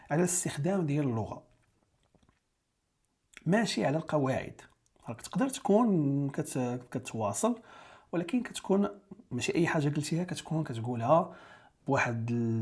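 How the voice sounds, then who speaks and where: A Moroccan man teaches an exam-prep lesson, switching between Darija and English terms. His voice is husky and a little high for a man. He talks quickly, and he repeats and rephrases each key term so it sticks. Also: a little mellow. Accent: Moroccan Arabic.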